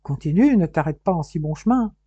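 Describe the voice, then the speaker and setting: A nosy, teasing young man, voiced by a woman reading a novel, prodding his brother with playful, pushy questions. The tone is mellow and dark. The recording is dry and muffled. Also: deep voice, animated, fairly quick, breathy edge, no echo.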